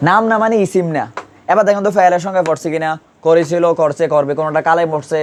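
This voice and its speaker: A man's voice: fairly high pitch, fast talker, slight background noise. Man teaching grammar, quizzing his class. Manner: quizzes students with repeated questions; colloquial, patient, drills pronunciation. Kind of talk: classroom lesson.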